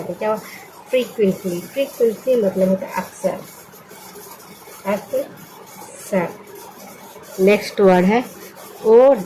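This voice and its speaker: A woman's voice: medium pitch, warm tone, slight background noise, low-quality recording. A woman teaching English vocabulary. She spells each word letter by letter and asks what it makes before she says it. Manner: patient, repeats words and asks "what happened?" before giving the answer.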